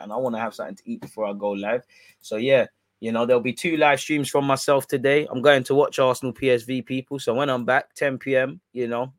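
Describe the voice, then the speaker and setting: A man's voice: medium pitch, dry recording. A man with an urban London roadman accent, chatting casually and slangily as the host of a football fan livestream. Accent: London, urban street. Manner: conversational, slangy, roadman-style speech. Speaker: football fan channel host, live streamer.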